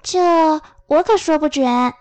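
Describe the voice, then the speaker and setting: A woman doing a bright, polite little storybook girl. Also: high-pitched, takes it slowly, no echo, voice pushed up. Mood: eager. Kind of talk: storybook reading.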